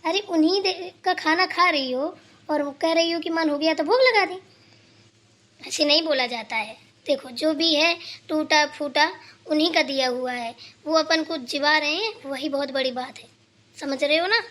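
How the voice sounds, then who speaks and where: Speaking at a normal pace in a high, fairly bright voice, a woman plays a stern, bossy older mother-in-law in a cartoon. Her character scolds and lectures the daughter-in-law.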